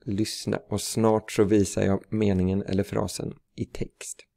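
A man teaching Swedish phrases for preschool work, speaking slowly and carefully with filler sounds. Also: fairly low pitch, flat delivery, gravelly, warm tone. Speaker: language teacher. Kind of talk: slow instructional explanation.

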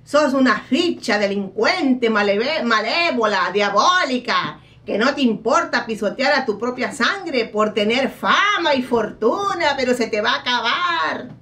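A woman's voice: a little high, animated, unhurried, pushed and bright, distant mic. A woman playing a brash female psychic who scolds and mocks in a dramatic comic card reading. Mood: scolding. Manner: scolding, dramatic, laughs at her own jabs.

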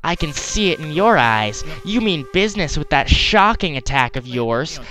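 Casting: man as a condescending, boastful video game trickster villain, pitched a little high, music behind. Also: big pitch swings, moderate pace, sharp tone, rough recording. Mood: smug, gloating.

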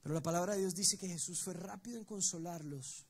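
A man's voice: high-pitched, a little fast, slightly rough. Emphatic preaching man in church. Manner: emphatic storytelling, addressing the congregation directly. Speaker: pastor. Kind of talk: sermon. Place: church service.

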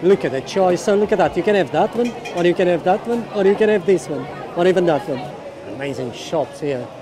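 Brisk and high-pitched with lively intonation, a middle-aged walking tour guide and vlogger narrates his way through a busy outdoor market. He exclaims often and repeats his phrases in an upbeat, casual manner, while the background carries music and chattering crowds.

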